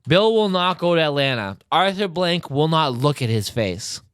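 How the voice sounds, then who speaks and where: A man's voice: fairly high pitch, very animated, normal speed, fairly bright tone, smooth, dry recording, studio quality. A man in casual sports banter on a podcast, brash and joking, teasing and swearing as he goes.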